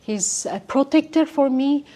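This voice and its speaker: A young woman from Ethiopia, telling her life story as an interview guest in a halting way with many pauses and fillers. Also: sits high, lively intonation, warm tone.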